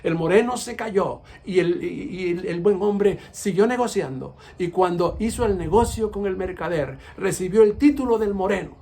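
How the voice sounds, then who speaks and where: A man's voice: sits high, normal speed, creaky, hardly any pauses, a little mellow. A man, a pastor, preaching an earnest sermon video and telling stories with frequent restarts.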